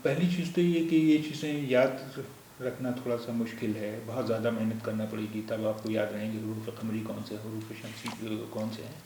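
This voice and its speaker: A man with a lowish, steady, mellow voice teaches a language lesson, patiently explaining each point step by step and repeating terms. The recording has an echoey room and faint noise.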